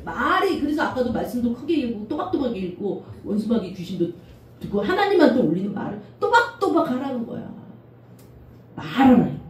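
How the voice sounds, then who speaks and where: A middle-aged woman pastor delivers a lively sermon, her voice leaping high and low. Her tone is dark and mellow, and she sits somewhat back from the mic. The sound carries the echo of a church room, with a faint hiss underneath. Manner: animated preaching, often acts out quoted voices. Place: church sanctuary. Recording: echoey church room from a distance, faint noise.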